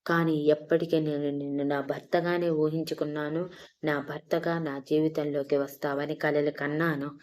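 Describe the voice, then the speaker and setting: A woman's voice: deep voice, level tone, normal speed, a little mellow, lightly acted. A woman voicing a young woman in love who pleads and scolds in an emotional way, in an audio story. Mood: reproachful.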